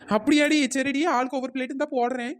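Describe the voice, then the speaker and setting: A woman's voice: high-pitched, fairly even intonation, fast talker, close to an everyday voice. A woman voicing a fed-up young snack stall keeper in a cartoon, scolding and complaining. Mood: chiding. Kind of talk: cartoon voice acting.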